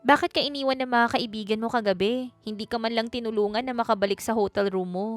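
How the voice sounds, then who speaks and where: A woman's voice: on the high side, steady tone, quick pace, no room sound, faint music behind, close to an everyday voice. A woman voicing a timid young provincial schoolteacher who stammers and keeps apologizing in a storybook reading. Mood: earnest.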